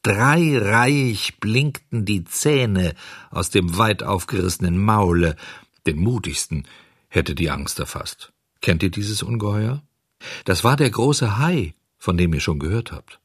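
A man narrating a children's tale as an expressive audiobook reader. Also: fairly low pitch, measured pace, husky, no room sound, clean studio sound. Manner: expressive storytelling.

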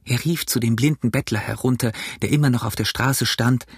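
A man reading an adventure novel aloud in steady, measured audiobook narration. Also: medium pitch, husky, dry recording, studio quality.

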